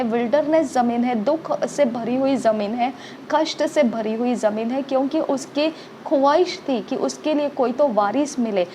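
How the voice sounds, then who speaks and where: A woman's voice: high-pitched, mellow, a little hiss or hum. A woman preaching a sermon, urging listeners with repeated phrases and frequent "okay?" checks.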